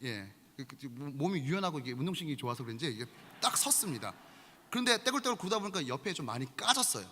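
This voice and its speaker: Lively, bright-voiced preaching man. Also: a little high, fast talker. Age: 40s. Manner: lively, conversational preaching with frequent appeals to the congregation. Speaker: pastor. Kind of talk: sermon. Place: large church sanctuary. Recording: long reverb of a large hall.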